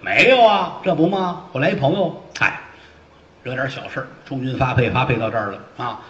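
A man doing a sly, flattering clerk. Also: mid-range voice, a little fast, natural voice. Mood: pleading. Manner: wheedling, ingratiating. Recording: dull, roomy stage recording.

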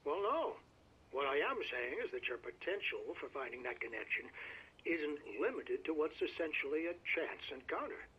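A man's voice: a little high, very animated, moderate pace, slight background noise. An actor playing a wry male radio guest in a game who argues his point bluntly. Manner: wry, argumentative. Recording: slightly dull game radio audio.

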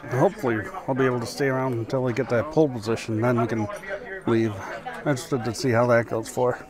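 A man's voice: steady tone, quick pace. Middle-aged guy filming himself at an outdoor auction, wry and laid back, crowd chatter all around. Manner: wry, low-key narration. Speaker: auction vlogger. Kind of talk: casual commentary to camera. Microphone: phone camera held close.

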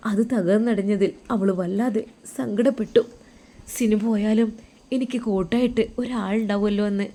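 A woman's voice: mid-range voice, mellow. A woman storyteller narrating an emotional family story in an earnest, dramatic way.

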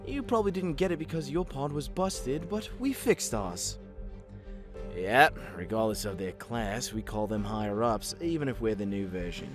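With music running underneath, a man acts in a fan comic dub as a killer robot who is chatty, slightly smug and theatrically, schemingly polite, explaining things in a smug way. His mid-range voice is natural and sing-song, delivered at a moderate pace.

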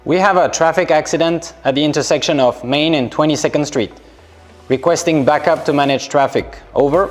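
A man voicing a calm field officer, heard over a two-way radio and keeping to crisp radio protocol. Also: a little high, fairly quick, in a large hall, soft background music. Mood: businesslike.

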